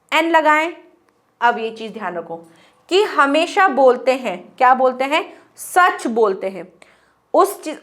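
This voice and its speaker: A woman's voice: high voice, a bit bright. A woman teaching an online grammar lesson, explaining step by step and asking and answering her own questions. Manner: reads English sentences slowly and deliberately.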